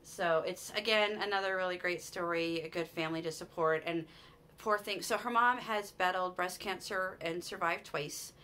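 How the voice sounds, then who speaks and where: Talking casually to camera from a small room at home, this vlogger in her forties with a Utah American accent shows off a shopping haul. Her lowish voice moves at normal speed with a bright, forceful tone over a slight hiss or hum, and she's chatty and enthusiastic, frequently restarting and saying "you guys."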